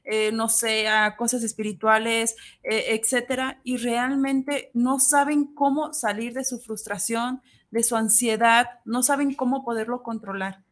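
A woman in casual chat as co-host, speaking in a thoughtful, measured way. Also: fairly high pitch, fairly even intonation.

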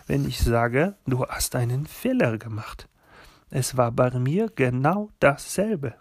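A man voicing a gentle, wise old French grandmother who speaks softly and thoughtfully in an audiobook. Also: mid-range voice, no echo, studio quality. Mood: tender. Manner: soft, reflective, slow.

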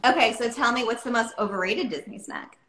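Woman in her thirties, podcast host, bright tense voice, echoey room. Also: fairly high pitch, animated, brisk, a little hiss or hum. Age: 30s. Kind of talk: casual chat.

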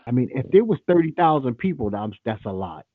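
A man's voice: mid-range voice, big pitch swings, a little fast, no echo, narrow, tinny audio. A man hosting a call-in show, talking in a blunt, profane and opinionated way. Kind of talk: casual call-in radio talk.

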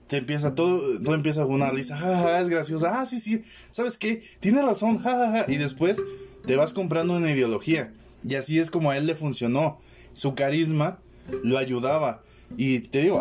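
A man's voice: a little high, darkish tone. A man in a casual film discussion, reflecting on the wider meaning of what they watched. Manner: reflective, draws broader lessons.

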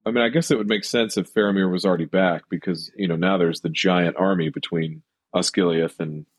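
A man's voice: deep voice, fairly even intonation, a little fast, dry recording. A man co-hosting a podcast, talking about a film in casual chat and rambling with lots of fillers. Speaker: podcast co-host.

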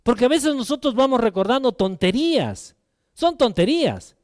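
High-voiced older pastor preaching. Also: male voice, sing-song, moderate pace, no room sound, studio quality. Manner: conversational preaching with acted-out quotes and rhetorical questions. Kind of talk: sermon.

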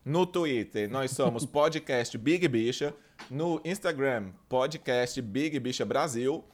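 A man's voice: medium pitch, takes it slowly. A man hosting a podcast in casual chat, playful and peppered with camp slang. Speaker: podcast host.

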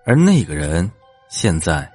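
A man voicing a cocky young male police officer who talks smugly and teasingly, with a husky voice. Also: low-pitched, big pitch swings, unhurried, a little mellow, faint music behind, heavily acted. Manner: smug, teasing, with scoffs. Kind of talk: audio drama acting.

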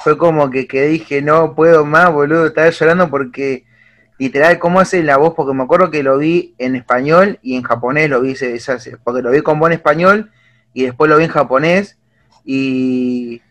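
A young man with an Argentine accent, chatting casually and retelling scenes with excitement and slang. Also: medium pitch, moderate pace. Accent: Argentine Spanish. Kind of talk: casual chat.

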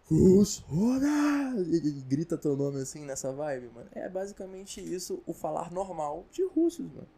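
A man's voice: fairly high pitch, expressive, normal speed, vocal fry, hardly any pauses, warm tone. A Brazilian man rambling through a comedic casual monologue, slangy and full of asides. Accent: Brazilian Portuguese. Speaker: vlogger.

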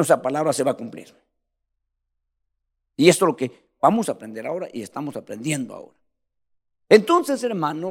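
This church sermon comes from a man whose voice is fairly high and creaky. His delivery is animated, moving back and forth between loudness and softness, and he repeatedly calls the congregation "brother."

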